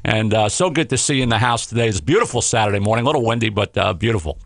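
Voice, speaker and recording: A man's voice: fairly low pitch, racing, no room sound. A man co-hosting a radio show, delivering polished promotional patter in a salesy manner. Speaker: radio co-host.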